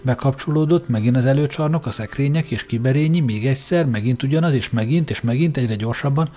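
A man reading a story aloud in a steady, even way as an audiobook narrator. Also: medium pitch.

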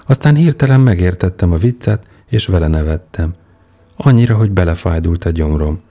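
Deep, gravelly male storyteller. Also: animated, dark tone. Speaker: narrator. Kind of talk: audiobook narration.

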